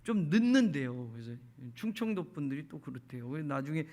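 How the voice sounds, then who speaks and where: A man's voice: a little high, sing-song, a little fast, mellow. A man preaching a sermon at a church service. He speaks straight to the congregation and repeats phrases for emphasis. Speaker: pastor.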